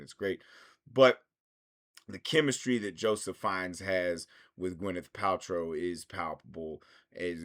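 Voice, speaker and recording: A US film reviewer whose voice sits low but sounds fairly bright rambles casually about movies. He curses constantly as he talks.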